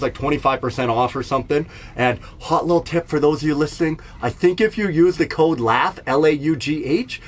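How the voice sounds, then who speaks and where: Rambling middle-aged man, slightly high voice. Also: slight background noise. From Canada. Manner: rambling, self-mocking, laughs at his own bits. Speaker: comedian hosting a podcast. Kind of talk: casual storytelling monologue. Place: in Jasper, staying in an RV.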